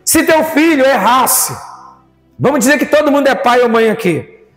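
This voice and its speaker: A man's voice: very high-pitched, expressive, moderate pace, echoey room, in a large hall, soft background music. A man with a Brazilian accent preaching a sermon as pastor, firing rhetorical questions at the congregation. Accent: Brazilian Portuguese.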